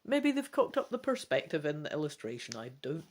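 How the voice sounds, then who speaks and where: Over some background noise, a woman with a low, very animated voice talks a little fast as she presents a gamebook playthrough. She switches between dramatic readings of the text and chatty casual remarks.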